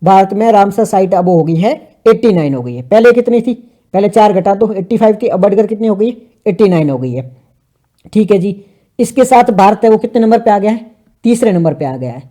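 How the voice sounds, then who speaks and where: A man's voice: high voice, lively intonation, brisk, dark tone. A man giving a casual current affairs lesson for exam students, mixing English terms into his talk and asking and answering his own questions. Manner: mixes English terms into Hindi. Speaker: exam prep teacher.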